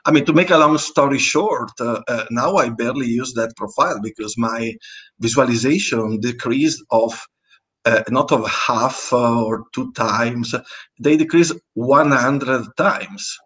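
An Italian guest artist chats casually in an interview, speaking English with a clear Italian accent. His voice sits at an ordinary middle pitch and is a bit bright. He talks hesitantly, pausing on fillers and starting sentences over as he goes.

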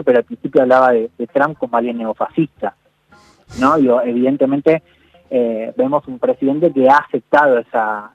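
A man breaks down politics for a radio interview in a measured, analytical way, often stopping to rephrase. His voice comes through a dull, lo-fi line with no room echo, and his pitch sits mid-range. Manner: measured, analytical, peppers speech with "digo".

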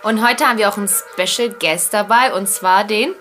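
A young woman co-hosting a casual podcast, relaxed and teasing. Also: mid-range voice, normal speed, music in the background. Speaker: podcast co-host.

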